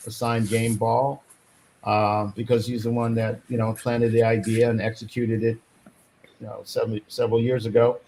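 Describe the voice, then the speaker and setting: A man's voice: medium pitch, a little hiss or hum. A man in his fifties hosting a casual, chatty group recap. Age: 50s. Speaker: host. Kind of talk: casual reunion recap chat.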